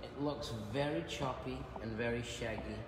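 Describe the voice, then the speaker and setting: Cutting hair while he teaches, a chatty, joking hairdresser-educator in his fifties gives a live lesson with a slightly croaky, mid-range voice at normal speed. The setting is a big, bright indoor salon. It's recorded on a nearby phone camera in an echoey, noisy room.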